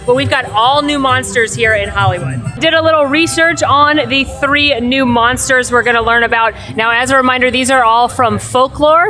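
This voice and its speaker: A woman narrating a vlog as host in a chatty, informal, casual way. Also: fairly high pitch. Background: music.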